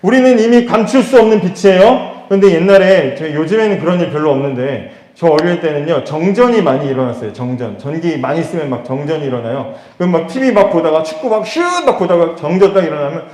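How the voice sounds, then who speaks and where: A man's voice: a little high, expressive, quick pace, few pauses, a little mellow, reverberant. A man preaching a sermon as a pastor, talking to the congregation in a conversational way and pressing his points with questions.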